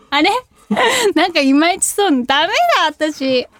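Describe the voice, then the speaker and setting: This young radio host speaks slowly and expressively in a high, fairly bright voice, recorded cleanly in the studio without echo. She giggles and jokes about herself while reading listener mail in a casual chat.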